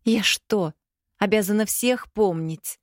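A woman's voice: medium pitch, expressive, slow pace, a little mellow, no room sound, studio quality, voice pushed up. A woman voicing a spoiled, petulant young rich daughter in an audiobook, with a whiny drawl.

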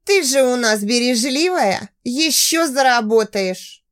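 Woman reading as a snide backstabbing girlfriend, slow and hissy, bit higher. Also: animated. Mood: venomous. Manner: venomous, smug, drawn-out hissing. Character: spiteful young woman, treacherous ex-friend.

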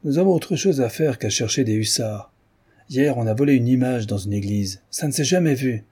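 A man's voice: medium pitch, lively intonation, normal speed, dark tone, slightly rough, voice pushed up. A man doing a curt, scornful police clerk. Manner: dry, dismissive.

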